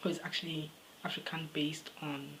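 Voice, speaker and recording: A woman's voice: sits low, level tone, moderate pace, heavy background noise. Chatty woman hosting a reaction video. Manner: chatty, thinks aloud, second-guesses herself. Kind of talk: casual reaction commentary.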